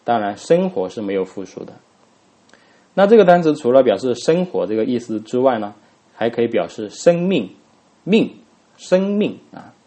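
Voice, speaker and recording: With big swings in pitch around a mid-range voice and a dark tone, this man teaches English grammar at a moderate pace. He spells out words letter by letter, says every word twice, and keeps posing rhetorical questions to his students amid many fillers.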